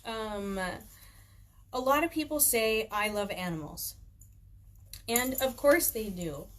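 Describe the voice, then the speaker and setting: Reading from a book she wrote, this woman speaks slowly in a slightly high, expressive voice. It's an informal home recording with clear background noise, and she drops in chatty asides along the way.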